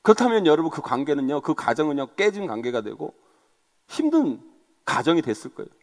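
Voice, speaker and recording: A man preaching a sermon as senior pastor, talking directly to his congregation. His voice sits high, and he plays out quarrels in character. The sound rings with a long hall reverb. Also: big pitch swings, brisk. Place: church sanctuary.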